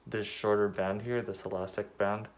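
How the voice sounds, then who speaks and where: A man's voice: lowish voice, little pitch movement, normal speed. A man reviewing a product in a casual, rambling way, speaking through a cloth mask. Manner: rambling, lots of fillers.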